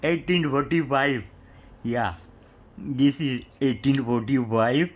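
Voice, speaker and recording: In dull audio, a medium-pitched man slowly rambles through a coin show-and-tell. He reads inscriptions letter by letter and leans on "you know" and "yeah" throughout.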